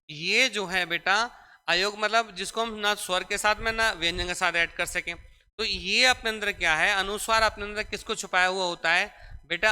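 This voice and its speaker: In an echoey room with long reverb, a young man teaches a grammar class, calling his students "beta" as he repeats key points and explains each step. His voice is high-pitched, smooth, bright and forceful.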